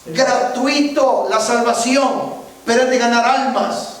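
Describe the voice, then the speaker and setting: A man's voice: very high-pitched, slow pace. A man preaching a sermon as pastor, often checking that the congregation follows him. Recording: very echoey church from far off.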